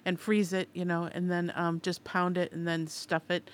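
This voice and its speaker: A woman's voice: lowish voice, level tone, normal speed. A middle-aged woman co-hosting a radio food show, chatting casually with lots of fillers and easy laughs.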